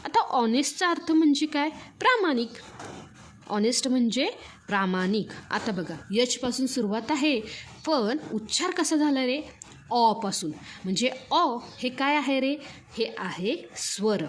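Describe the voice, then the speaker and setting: A woman's voice: high-pitched, lively intonation, a little slow, slight background noise. A woman with a Marathi accent teaching a grammar lesson, drilling each point with repeated rhetorical questions. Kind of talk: classroom grammar lecture.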